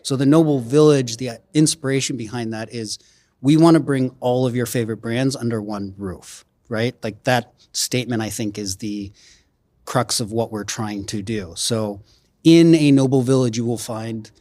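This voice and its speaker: Man, mid pitch, dry studio sound, explanatory interview talk, frequent "right?" tags. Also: normal speed, a little mellow, dry recording. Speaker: restaurant group representative. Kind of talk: conversational interview.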